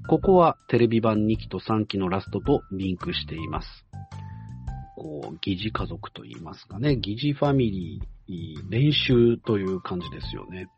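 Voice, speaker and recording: Male host, mid-pitched, reads listener mail in a measured way with hesitant fillers; muffled lo-fi sound over faint music. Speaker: radio-style show host. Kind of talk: reading a listener's letter aloud with side comments.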